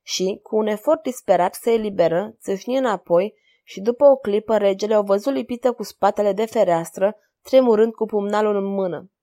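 A woman narrating a classic novel as an audiobook, with a dramatic, animated reading. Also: medium pitch.

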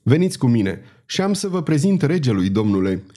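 Sly jovial king, brusque, teasing, warm animated voice, read by a man. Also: mid-range voice.

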